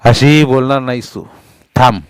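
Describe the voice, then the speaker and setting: A man voicing a harsh, angry middle-aged husband who shouts and scolds his wife, raising his voice high and loud. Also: normal speed, smooth, no echo, close to an everyday voice. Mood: angry shouting.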